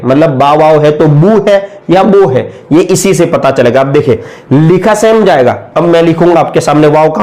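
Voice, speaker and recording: A man giving a patient, step-by-step lesson on writing letters, drawing out each sound slowly and often checking in with the viewer. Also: on the high side, a little mellow. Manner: frequent check-ins with the viewer. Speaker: Urdu writing teacher.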